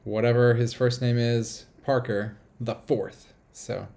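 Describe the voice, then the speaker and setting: A man's voice: medium pitch, flat delivery, takes it slowly, vocal fry, a little mellow. A man from the United States hosting a casual live stream from a small apartment, rambling upbeat and reading viewer comments aloud.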